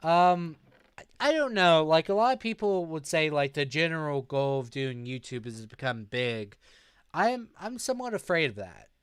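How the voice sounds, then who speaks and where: A young man chatting casually on a live stream, reading out chat messages and answering them. He sounds sleep deprived and talks in a slow, drowsy way. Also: a little high, lively intonation, smooth, no room sound, clean studio sound.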